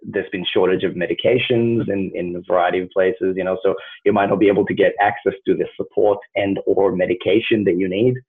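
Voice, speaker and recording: Low husky man on a tinny line. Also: steady tone, fairly quick, few pauses. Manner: earnest, hedging with many fillers. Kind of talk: casual conversation.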